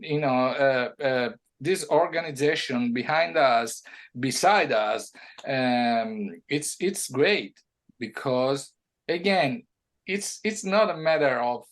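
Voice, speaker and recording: A man with a noticeable Italian accent and a fairly high speaking voice talks as a guest in a relaxed interview. He stops and restarts often, then rushes forward in animated bursts. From Italy. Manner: halting, many restarts and fillers, animated bursts. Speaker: music producer guest. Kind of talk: casual interview.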